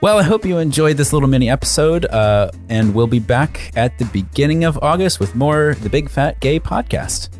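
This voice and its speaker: A man's voice: a little high, lively intonation, normal speed, hardly any pauses, darkish tone, faint music behind. A man co-hosting a podcast, speaking in an earnest, reflective way with frequent ums. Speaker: podcast co-host. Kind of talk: casual podcast chat.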